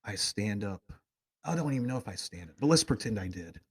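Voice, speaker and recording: A man's voice: lowish voice, lively intonation, brisk, husky, no room sound, clean studio sound. A man hosting a casual talk show, telling rambling, enthusiastic fan stories with plenty of tangents. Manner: rambling storyteller, goes off on tangents. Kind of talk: casual chat.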